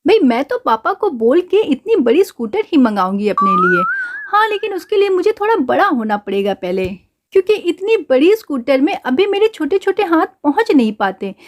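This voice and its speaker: A woman's voice: very high voice, wildly swooping pitch, moderate pace, exaggerated voice. A woman voicing a playful, cheeky little girl doll in a doll play story, talking in a sing-song, boastful way.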